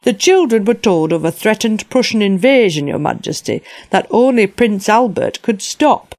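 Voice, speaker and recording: A woman's voice: medium pitch, lively intonation, moderate pace, a little mellow, dry recording, studio quality, voice pushed up, natural voice. A woman doing a pompous fawning official. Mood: obsequious. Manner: obsequious, cold, sneering. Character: pompous scheming middle-aged male official.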